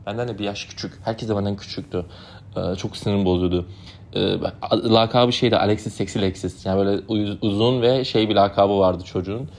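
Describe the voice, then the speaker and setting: Fast and steady, with a fairly low, darkish voice, this young man hosts a podcast and casually recounts working as a camp counselor over the summer. Turkish is his native language, and his storytelling wanders, packed with filler words.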